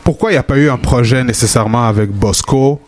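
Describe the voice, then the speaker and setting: Radio host. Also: male voice, mid-range voice, quick pace, a little mellow, a little hiss or hum. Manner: switches between French and English, hip-hop slang. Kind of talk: casual radio interview. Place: radio studio.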